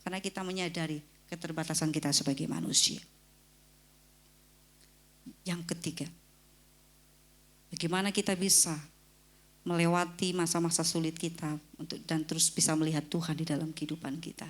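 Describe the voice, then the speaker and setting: A woman preaching a sermon, lively, acting out quotes in a raised voice and dropping to near-whispers on key phrases. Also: moderate pace, long pauses. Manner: lively, acts out voices of scripture figures with sudden high pitch.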